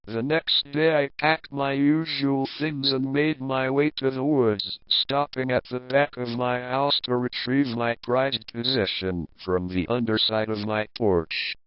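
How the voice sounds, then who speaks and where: A man reading a first-person horror story aloud in a slow, measured narration. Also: mid-range voice, fairly even intonation, dull audio, slight background noise.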